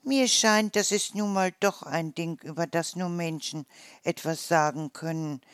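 A storyteller voicing a small, clever forest mouse with a lively, mocking manner. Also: mid-range voice, a little slow, clear, resonant tone, dry recording, studio quality, natural voice.

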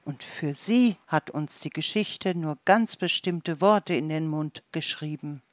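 Woman as a gentle motherly figure, soft and admonishing, slow, dry close sound. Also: low voice, no room sound.

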